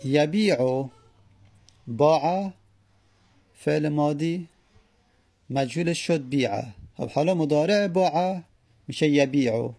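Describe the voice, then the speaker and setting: Gravelly low-toned man teaching grammar. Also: warm tone. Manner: drawn-out syllable-by-syllable spelling of word forms; asks questions and answers them himself. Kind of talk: classroom lecture on Arabic morphology.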